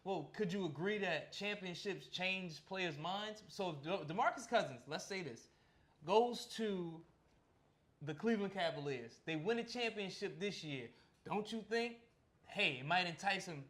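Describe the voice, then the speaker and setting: Man, podcast co-host, casual sports chat, animated, questioning, slightly high voice. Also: unhurried.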